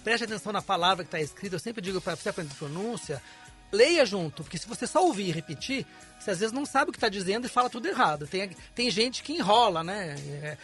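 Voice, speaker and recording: A man's voice: high voice, lively intonation, fast, a bit bright, soft background music. A man, an English teacher, explaining pronunciation as a guest on a radio interview in a studio. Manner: explanatory, demonstrates sounds.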